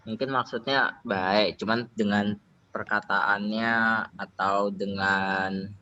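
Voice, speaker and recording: A man with an Indonesian accent and a low, bright, forceful voice speaks up in a study group. He pauses and searches for words. The call audio is dull, with faint noise behind him. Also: flat delivery. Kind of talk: casual discussion.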